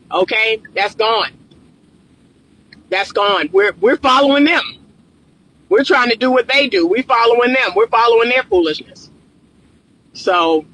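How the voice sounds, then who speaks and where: A woman's voice: mid-range voice, a bit bright, slight background noise, rough recording. A woman in her fifties, a relationship coach and counselor, giving an emphatic vlog talk from her car and repeating phrases for stress. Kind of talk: casual talking-head vlog. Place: inside a parked car. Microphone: phone camera on the dashboard.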